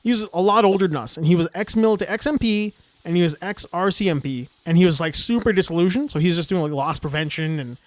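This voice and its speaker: A middle-aged man co-hosting a casual podcast, telling animated stories. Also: high-pitched, fast, few pauses. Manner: animated storyteller. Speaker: co-host.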